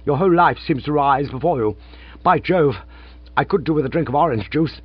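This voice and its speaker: A man reading the part of a flustered, rambling young gentleman who talks in excitable, breathless bursts. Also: on the high side, a little fast, slightly rough, voice pushed up. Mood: rattled. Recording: dull lo-fi recording.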